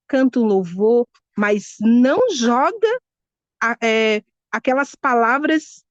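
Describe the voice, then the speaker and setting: A woman's voice: a little high, no room sound. A woman giving a heartfelt church testimony, earnest and pleading as she recounts prayer. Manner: emotional, quotes God in an earnest pleading voice. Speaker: women's ministry member giving testimony. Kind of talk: spoken testimony. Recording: dull, muffled lo-fi sound.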